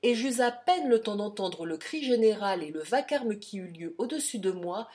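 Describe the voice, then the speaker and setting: A woman reading a classic novel aloud in first person, steady and expressive. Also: mid-range voice, moderate pace. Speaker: audiobook reader.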